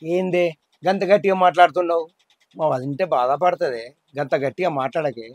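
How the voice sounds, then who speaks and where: A man playing a young farmer who tries to calm his angry wife. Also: on the high side, a little fast, no room sound, lightly acted. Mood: pleading. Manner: placating, exasperated. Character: young village farmer caught between wife and family. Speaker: husband and younger brother in a village short film. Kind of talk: village family drama acting.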